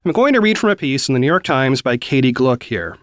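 Man, 40s, from the South, news host, animated delivery, dry close mic. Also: medium pitch, a little fast, dry recording. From American South. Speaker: podcast host. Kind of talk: news commentary.

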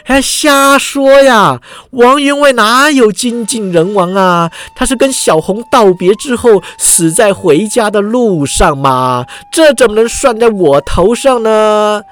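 A cowardly old charlatan immortal, put on by a man telling a storybook tale, talks in a pitched-up, whining voice that leaps all over. He is flustered and full of bluster, and his voice is louder than the telling around him. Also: big pitch swings, unhurried, exaggerated voice. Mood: indignant. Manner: flustered, whiny protests. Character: boastful old male fake immortal, cowardly.

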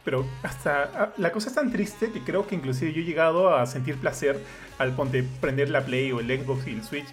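A man's voice: a little high, normal speed, soft background music. A man chatting casually with a teasing, joking manner. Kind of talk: casual chat.

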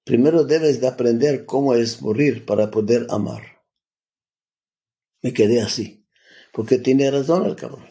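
Older man telling his story, halting. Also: mid-range voice, dark tone. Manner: halting, restarts often, salty slang. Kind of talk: personal storytelling, casual.

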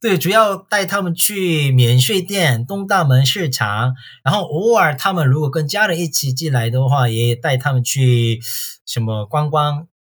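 Answering an interviewer casually, a tour guide from South Korea speaks Mandarin as a non-native with a Korean accent, keeping to halting, simple phrases. His voice is a little high and a bit bright.

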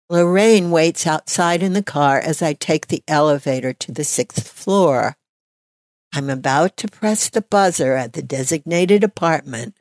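An older woman, giving personal testimony in a measured, deliberate, reflective way. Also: fairly low pitch, no room sound, studio quality.

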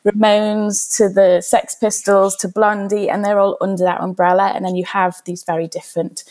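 A woman's voice: medium pitch, little pitch movement, normal speed, darkish tone, rough recording. A woman speaking as an interview guest, explaining her work in an informal, conversational way. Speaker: guest, activist and author.

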